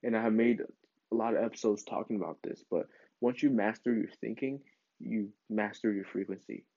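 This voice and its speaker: A man's voice: lowish voice, fairly quick, mellow, no room sound. A man giving a casual, encouraging spiritual pep talk in an informal, rambling way, as a self-help vlog host. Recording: dull lo-fi sound.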